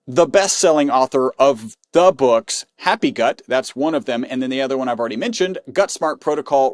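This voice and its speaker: A man's voice: medium pitch, dry recording, studio quality. A man hosting a health podcast, introducing his guest and asking questions in an upbeat, conversational way. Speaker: podcast host.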